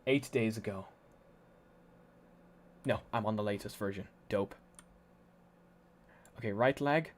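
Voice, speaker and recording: A man's voice: fairly low pitch, slow, long pauses, slight background noise. A man streaming live, chatting casually and thinking aloud as he explains his setup, his voice a little worn from talking.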